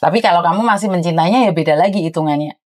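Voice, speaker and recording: A woman's voice: fairly low pitch, rapid-fire. A woman hosting an advice show, giving frank, lecturing advice to a caller. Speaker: advice host. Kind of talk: advice chat.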